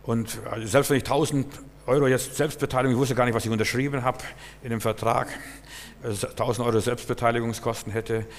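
A man preaching as a pastor, shifting between loud fervent outbursts and quiet, personal storytelling, with frequent repeated words and restarts. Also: medium pitch, fairly even intonation, fairly quick, in a large hall, slight background noise. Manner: impassioned, swings from loud exclamations to quiet storytelling. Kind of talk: sermon.

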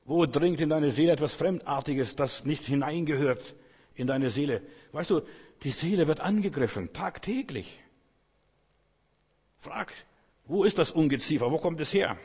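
A man delivers a fervent sermon, urging his listeners on and addressing them head-on. His voice is husky and sits a little high. It carries a long, lingering reverb, as in a large hall. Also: animated, moderate pace, a little mellow. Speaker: preacher.

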